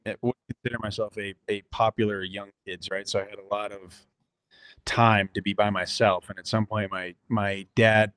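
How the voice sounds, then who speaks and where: A man's voice: fairly low pitch, smooth, no room sound, poor audio. A young man from Connecticut, a musician and podcast guest, chatting casually and rambling, with many restarts and self-deprecating asides, over a computer mic. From Connecticut, USA. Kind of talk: casual interview chat. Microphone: computer mic over remote call.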